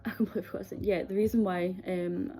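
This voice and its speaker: A woman's voice: mid-range voice, fairly even intonation, fast, mellow, faint music behind. A young adult woman with a Scottish accent telling a personal story in a candid, hesitant, conversational way. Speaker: video series host.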